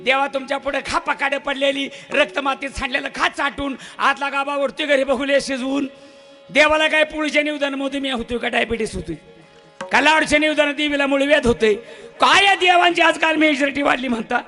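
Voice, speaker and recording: A man delivers a comic folk sermon to a village crowd, loud and preachy. His voice is very high, bright and gravelly, with faint music behind him. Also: fairly even intonation, brisk. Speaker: bharud folk performer.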